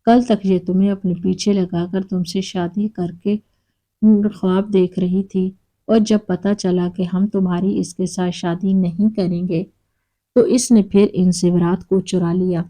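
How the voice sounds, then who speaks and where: A woman's voice: fairly low pitch, flat delivery, warm tone, natural voice. A woman voicing a stern, angry middle-aged uncle in a spoken story, with a harsh, accusing manner.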